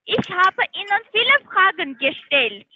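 Give me a woman on a phone sales call, her voice very high and thin as it comes over a muffled, lo-fi phone line. She speaks broken German and keeps pressing the same points insistently, repeating herself. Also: sing-song, measured pace, dry recording. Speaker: telephone trading account adviser.

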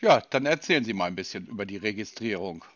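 A man with a lively, animated pitch who keeps needling the caller with dry, skeptical questions. His voice is close and dry with no room sound. The audio is a little dull and lo-fi. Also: fast, dry recording. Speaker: call recipient.

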